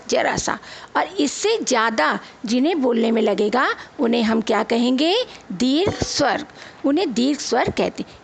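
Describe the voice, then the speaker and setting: A woman's voice: high voice, vocal fry, slight background noise. A woman teacher giving a grammar lesson to children, spelling out letters one at a time and answering her own questions. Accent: Hindi. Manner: asks the children questions, then answers them herself. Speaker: school teacher.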